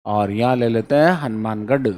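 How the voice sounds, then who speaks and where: A man's voice: mid-range voice, normal speed, a little mellow. A male teacher giving a classroom lecture, drilling memory codes letter by letter and checking in with students again and again. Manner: keeps checking in with students, repeats key points. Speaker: exam-prep teacher.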